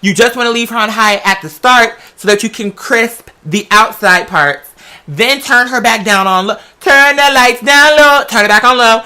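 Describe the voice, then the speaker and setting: Here a clear, resonant, bright voice at medium pitch moves at a normal speed with real force behind it. The American creator chats casually through a vlog, rambling off on tangents in a sassy, theatrical manner thick with drag slang.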